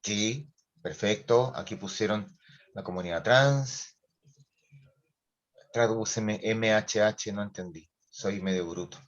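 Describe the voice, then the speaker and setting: A Chilean man leads a class discussion over a video call in a lively, joking, colloquial way. His voice sits on the low side. The call audio is muffled and lo-fi. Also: slow pace, long pauses. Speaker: teacher.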